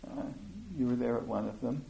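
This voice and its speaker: A man giving an informal meditation talk, speaking slowly and thoughtfully with many pauses and fillers. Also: medium pitch, gravelly, warm tone, dull audio. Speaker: meditation teacher.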